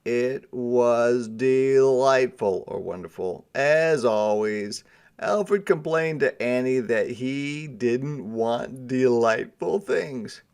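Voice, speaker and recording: Reading a children's storybook aloud like a teacher, a man tells the tale dramatically and breaks off for plainer explanations. His mid-range voice is a little mellow with a noticeable creak, and he takes a slow, leisurely pace.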